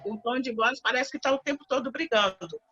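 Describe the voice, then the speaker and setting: Bright-voiced Brazilian woman, chatty. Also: high voice, a little fast, highs cut off, faint music behind. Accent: Brazilian Portuguese, Minas Gerais. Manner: chatty, repeats herself with tags. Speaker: class participant. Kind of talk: casual chat.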